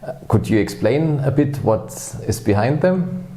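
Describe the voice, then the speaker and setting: Man, podcast host, polite and encouraging, mellow tone, roomy echo. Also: medium pitch, animated, a little slow. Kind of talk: podcast interview hosting.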